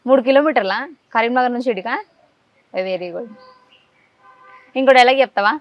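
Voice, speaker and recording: Woman firing quick coaxing questions at a kid, kinda high voice, dry dull lo-fi sound. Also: dry recording. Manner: coaxing, rapid-fire questions. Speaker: interviewer. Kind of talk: casual interview with a child.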